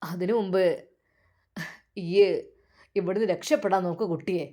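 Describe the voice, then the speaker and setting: A woman's voice: on the low side, steady tone, measured pace, dark tone, voice pushed down. A woman voicing an older male mosque caretaker who speaks brusquely but kindly in a storybook tale. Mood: gruff warning.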